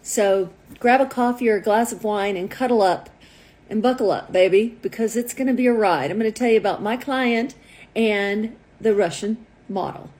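A middle-aged woman matchmaker telling a story in a casual, chatty and animated way, often laughing. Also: mid-range voice, moderate pace. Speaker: matchmaker and dating coach.

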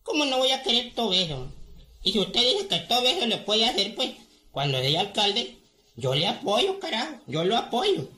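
A high, bright-voiced village mayor. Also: male voice, wildly swooping pitch, moderate pace, echoey room, heavily acted. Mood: placating. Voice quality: high, bright voice with rustic slang. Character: folksy male village mayor, jovial and placating. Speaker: small-town mayor. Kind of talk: radio comedy sketch acting.

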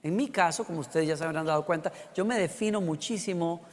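A man's voice: fairly high pitch, fast, long reverb tail, slight background noise. A man preaching a sermon as a pastor, telling humorous stories to make his point.

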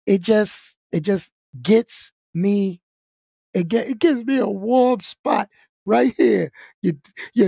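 A high-pitched, slightly mellow man from Brooklyn, New York, wraps up his YouTube live stream with casual outro chat. He jokes, sounds hyped, and speaks directly to viewers, with studio-quality audio and no room sound.

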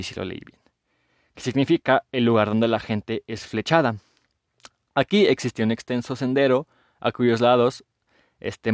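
A man's voice: medium pitch, no room sound, studio quality. A man with a Mexican accent hosting a podcast as a casual, joking monologue full of slang and swearing. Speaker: podcast host.

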